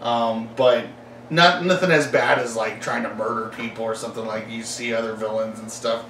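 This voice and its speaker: A man's voice: medium pitch, fairly even intonation, moderate pace, a bit bright, echoey room, distant mic, slight background noise, low-quality recording. A young man rambling casually about his collection, full of fillers and enthusiasm. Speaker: collector vlogger.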